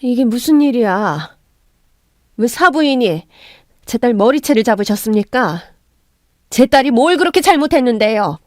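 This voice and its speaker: A stern older mother who keeps her fury pressed down, as a woman reading a radio story voices her. Her speech is measured and firm, recorded close and dry. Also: fairly high pitch, expressive, dry recording, lightly acted. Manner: stern, restrained anger.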